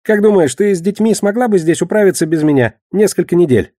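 A man's voice: high-pitched, animated, fast, dark tone, no echo, studio quality, pitched above the performer's own voice. A man reading an audiobook, voicing a worried young tavern keeper who talks raised and urgent. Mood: anxious.

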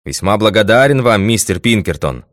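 A man's voice: sits low, animated, normal speed, dry recording, studio quality. A man reading the lines of an earnest, worried male army colonel in a storybook tale.

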